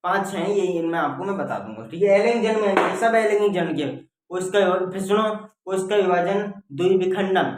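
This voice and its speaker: A man with a somewhat high voice teaches biology in a very echoey classroom, recorded from a distance. He repeats key points and keeps checking that the students follow, calling them "beta". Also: expressive, quick pace, hardly any pauses, a little hiss or hum. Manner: repetitive, checks with "theek hai?". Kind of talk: classroom-style lecture. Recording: very echoey room, mic far off.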